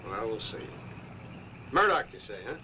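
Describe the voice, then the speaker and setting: Bossy rancher, blunt, bright forceful voice, early TV drama. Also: male voice, lowish voice, very animated, normal speed, slight background noise, full character voice, poor audio. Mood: commanding. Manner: blunt, commanding. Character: gruff middle-aged male date farmer, bossy, possessive. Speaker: ranch owner. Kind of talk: 1960s TV drama acting.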